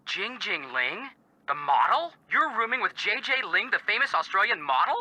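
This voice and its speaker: A man voicing a goofy, excitable young man detective in a mystery game. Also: high-pitched, moderate pace, no echo, heavily acted. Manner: joking, excitable.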